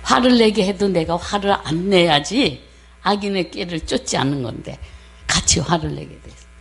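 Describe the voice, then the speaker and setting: A woman missionary preaching a sermon with a personal story, talking in an animated way, acting out the voices she quotes and often clearing her throat. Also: fairly low pitch, normal speed.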